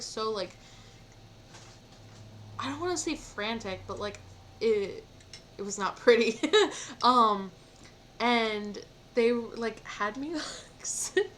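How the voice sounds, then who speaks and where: A young woman streamer telling a personal story in casual chat, rambling with lots of "like" fillers and animated feeling. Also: medium pitch, slight background noise, poor audio. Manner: rambling, heavy use of "like" fillers; animated, emotional retelling.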